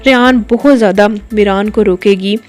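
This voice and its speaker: A woman reviewing a drama episode, retelling the plot to her viewers in a steady storytelling manner with occasional hesitations. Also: mid-range voice, normal speed.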